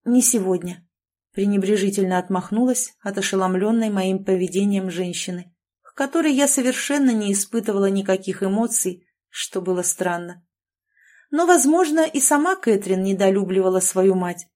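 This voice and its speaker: A woman reading a first-person novel aloud in a steady, measured narration. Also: mid-range voice. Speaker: audiobook narrator.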